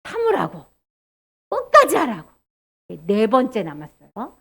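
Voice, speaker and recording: A woman giving a children's sermon, animated and asking the children questions. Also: a little high, a little slow, slightly rough. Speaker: children's preacher.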